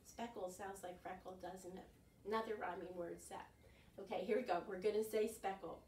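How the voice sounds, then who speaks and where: A mellow, mid-range voice at a moderate, steady pace belongs to a woman in her sixties hosting children's storytime and prompting listeners to participate. Recorded at home in a carpeted living room through a distant camera mic a few metres away, it sounds roomy with slight background noise.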